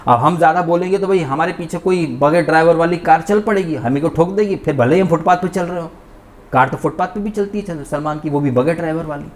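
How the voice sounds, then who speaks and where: A man giving an indignant, ranting commentary monologue as a vlogger reviewing a show. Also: a little high. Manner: indignant, ranting, mocking impressions.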